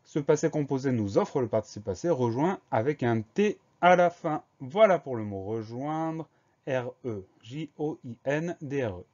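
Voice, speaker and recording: A man's voice: medium pitch, dark tone, lo-fi sound. A male teacher giving a spelling dictation lesson, breaking words into syllables and spelling them out letter by letter.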